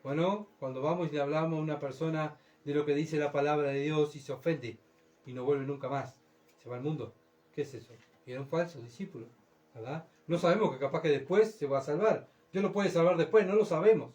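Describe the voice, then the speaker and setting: Man, middle-aged, pastor's sermon, fairly high voice, keeps checking the room is with him. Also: brisk, a little mellow, highs cut off. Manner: keeps asking the congregation for agreement.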